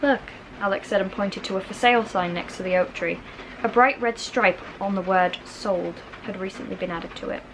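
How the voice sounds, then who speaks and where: At a normal speed and medium pitch, a woman reads aloud from a children's novel as a storybook narrator. The recording is noisy, with rain falling behind her.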